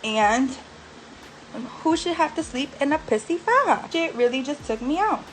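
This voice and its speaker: A woman's voice: high-pitched, lively intonation, normal speed, slight background noise, rough recording. A young woman vlogging from a recovery house bedroom after surgery, venting bluntly and with swearing about her care, aggravated and worn. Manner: blunt, profane, exasperated venting. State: post-surgery, frustrated and aggravated. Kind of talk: venting to camera.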